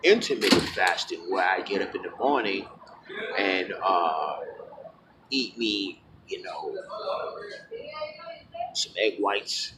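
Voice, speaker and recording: Man, low voice, casual vlog monologue, frank and rambling with many fillers; traffic noise behind. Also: slow pace, pauses often. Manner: rambling, full of fillers and self-corrections; frank, plain-spoken. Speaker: vlogger. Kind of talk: casual talking-to-camera monologue. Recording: steady background noise with passing vehicles.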